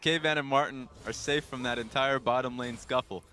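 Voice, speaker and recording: A man's voice: medium pitch, fairly even intonation, a little fast, pushed and bright. A man doing color commentary on a live esports match, analytical and explaining plays at length.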